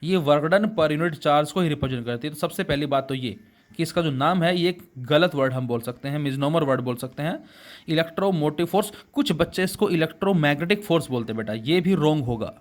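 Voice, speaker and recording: A man's voice: on the high side, brisk. A man teaching physics in Hindi mixed with English terms, calling his students beta and asking questions he answers himself. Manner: asks rhetorical questions and answers them himself. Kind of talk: classroom physics lecture.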